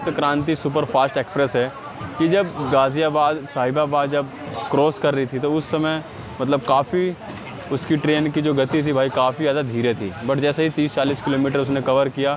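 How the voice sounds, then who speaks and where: A man's voice: medium pitch, flat delivery, moderate pace, a crowd in the background. A young man in his twenties chatting casually as a travel vlogger, filming himself at the open door of a moving train and often addressing viewers as brother. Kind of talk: casual travel vlog narration. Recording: loud rattling train noise. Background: loud train and track noise.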